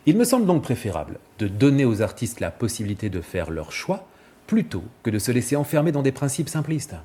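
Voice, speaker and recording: A male vocal coach giving a clear, didactic scripted explanation and demonstrating examples. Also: mid-range voice, big pitch swings, a little fast, mellow.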